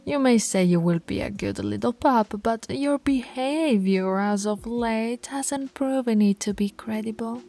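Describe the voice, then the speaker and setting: A woman portrays a teasing, commanding female alpha werewolf pack leader in ASMR, frequently breaking into a breathy whisper. Her mellow voice is a little high and a little slow with few pauses, carrying a sultry warning.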